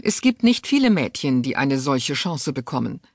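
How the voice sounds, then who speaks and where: A woman's voice: very deep voice, very animated, moderate pace, no echo, studio quality, heavily acted. A woman voicing a stern, disdainful aristocratic aunt who speaks sharply and impatiently. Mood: cold, scornful.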